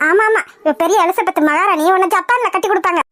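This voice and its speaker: Shrill old cartoon grandmother, nagging, very high, fast, bright, dry. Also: very noisy. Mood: scolding. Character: scolding old grandmother, sharp-tongued mother-in-law. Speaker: cartoon voice actor. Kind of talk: cartoon comedy voice acting.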